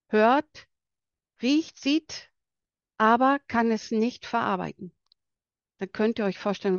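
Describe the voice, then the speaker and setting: A woman with a light, bright voice giving an earnest presentation about palliative care for children, pausing now and then to search for words. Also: medium pitch, no echo, dull audio. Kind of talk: presentation to an audience.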